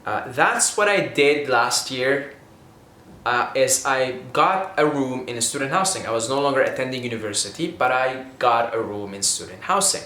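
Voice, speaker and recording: Speaking in an expressive, pushed, bright mid-range voice at a moderate pace, a young man from Syria shares money tips with his camera. He's earnest and rambling, frequently restarting and adding "okay?", in an echoey room.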